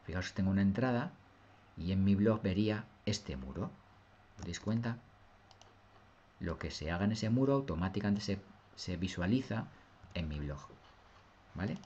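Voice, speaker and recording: Male teacher, low voice, patient step-by-step explainer on a dull lo-fi mic. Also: lively intonation, normal speed, pauses often, dark tone. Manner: patient, step-by-step, often asks "¿lo veis?". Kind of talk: screen-recorded software tutorial.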